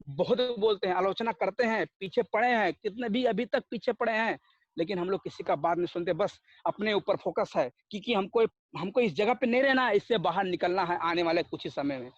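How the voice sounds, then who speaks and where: At a network marketing meeting, a man with a high voice gives a motivational talk, telling stories, acting out dialogues, and firing rhetorical questions at the audience. The recording is muffled, with no echo.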